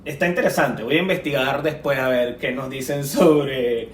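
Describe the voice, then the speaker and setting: A man's voice: mid-range voice, normal speed, crowd noise. Rambling man, echoey and distant. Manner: rambling, self-correcting, laughs often. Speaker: podcast co-host. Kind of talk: casual film-discussion podcast. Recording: echoey room, off-mic, faint noise.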